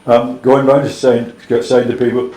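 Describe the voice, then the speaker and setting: A man's voice: medium pitch, little pitch movement, normal speed, mellow. An older man, chatting casually and reminiscing. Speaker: local villager being interviewed. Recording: echoey room, faint background noise.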